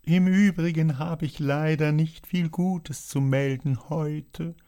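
A man voicing an agitated male writer who loudly reads out a letter in a dramatized audiobook. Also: a little high, steady tone, takes it slowly, clean tone, voice pushed up. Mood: declaiming. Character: agitated male literary man announcing news.

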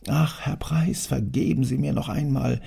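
A man voicing a poor, frightened male factory worker in an audiobook, pleading in a soft, half-whispered voice. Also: medium pitch, fairly even intonation, normal speed, creaky, breathy edge, pitched above the performer's own voice. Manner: pleading, timid. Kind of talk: audiobook character voice.

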